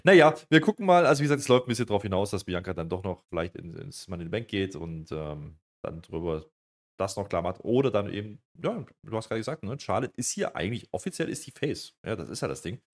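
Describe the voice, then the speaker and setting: A man hosting a casual wrestling review chat, animated and acting out quotes as he goes. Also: lowish voice, fast talker. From Germany.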